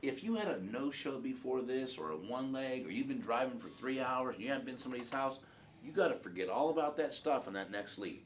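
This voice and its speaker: A man's voice: medium pitch, lively intonation, a little fast, slight background noise. A man giving a blunt, profane sales training talk to a group in a training room.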